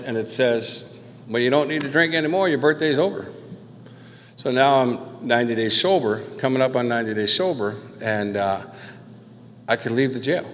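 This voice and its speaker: A man with a New Jersey accent gives a recovery testimony in a church hall, and his voice rings out with a long reverb. His pitch sits at an ordinary middle level. He tells his story in a conversational way, dropping into other people's voices as he acts out the dialogue. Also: a little hiss or hum. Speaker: guest speaker.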